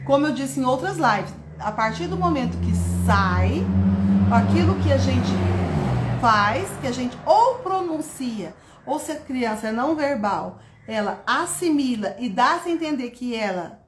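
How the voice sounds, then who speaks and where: Woman educator, high and lively, slow deliberate teaching, echoey room with faint hiss. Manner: animated, stretches words, greets viewers by name. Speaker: educator hosting a live class. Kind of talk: live-stream teaching talk. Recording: roomy echo, faint background noise.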